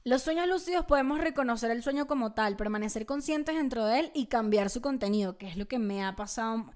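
A woman's voice: fairly high pitch, expressive, a little fast, darkish tone. A young woman from Venezuela with a Venezuelan accent, co-hosting a casual, slangy chat and laughing often.

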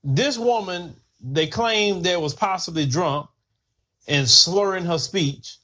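Animated, opinionated man with a high voice. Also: slow. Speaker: podcast host. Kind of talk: casual commentary podcast.

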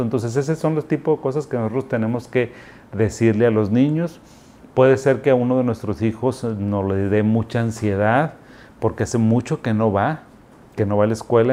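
Man, psychiatrist giving parents folksy, chatty advice; low voice. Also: warm tone, a little hiss or hum. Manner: folksy, conversational, frequent "o sea" fillers. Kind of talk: casual advice talk.

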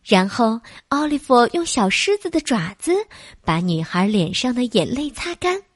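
A woman reads a bedtime story to a little child, softly coaxing and calling the listener baby. Her voice sits high and swoops up and down in a lively sing-song. The sound is dry and close. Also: moderate pace, slightly rough, no echo.

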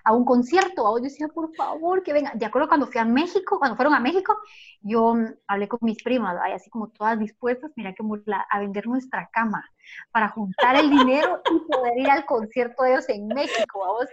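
A woman's voice: on the high side, a little fast, husky, dull audio. A woman with a Guatemalan accent reminiscing in casual chat, full of filler tags. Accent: Guatemalan Spanish. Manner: chatty, peppers speech with "va" and "vos".

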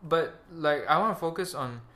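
A young man with a Malaysian accent hosts a podcast, rambling through a crude, self-mocking casual chat. His voice is a little high and fairly bright in tone, at a normal speed.

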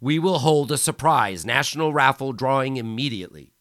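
A man voicing a cruel male tyrant who gives booming, theatrical speeches to a crowd, in an audiobook. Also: slow pace, no echo, clean studio sound. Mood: bellowing.

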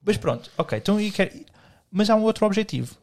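A man's voice: sits high, lively intonation, fast talker. A young man with a European Portuguese accent, co-hosting a podcast in rambling, joking casual chat full of slang. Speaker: podcast co-host.

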